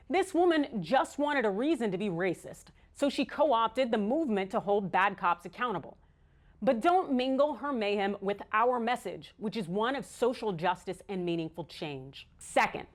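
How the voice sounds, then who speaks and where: Animated, emphatic American woman commentator. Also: fairly high pitch. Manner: emphatic, sardonic. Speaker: online news show host. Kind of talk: scripted opinion commentary.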